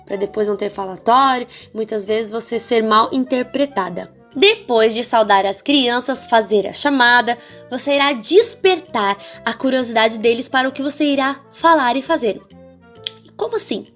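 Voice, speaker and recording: A woman with a Brazilian accent teaching an online course for children's ministry teachers, expressive and speaking straight to the viewer with frequent check-ins. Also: on the high side, normal speed, faint music behind. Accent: Brazilian Portuguese. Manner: demonstrates varied, theatrical intonation.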